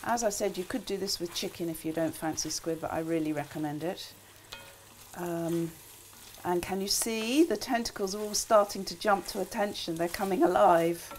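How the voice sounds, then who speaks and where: An older woman with a relaxed, chatty manner, talking through a recipe in a small kitchen. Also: lowish voice, moderate pace, a little hiss or hum. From England. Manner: chatty, relaxed asides with frequent ums. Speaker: cookbook author demonstrating a recipe. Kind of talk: casual cooking demonstration. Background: food sizzling in a pan.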